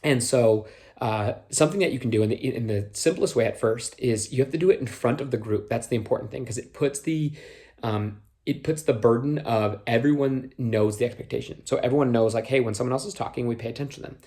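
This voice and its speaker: Young man, mid-pitched, casual instructional tone, Minnesota-born, slight Minnesota accent on a few words, filler-heavy. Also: brisk, dark tone. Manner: conversational, many fillers, acts out quotes. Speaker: youth small group leader trainer.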